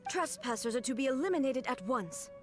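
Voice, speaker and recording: A woman voicing a cold, formal puppet ruler who gives flat, clipped commands, with game music behind. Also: high voice, a little fast. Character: cold, stiff female puppet ruler and her calm divine self.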